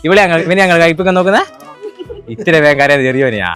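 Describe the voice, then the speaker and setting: A man's voice: a little high, expressive, music in the background. A young man, teasing his family playfully during a birthday surprise video. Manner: teasing, playful, quick-talking. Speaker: prankster video host.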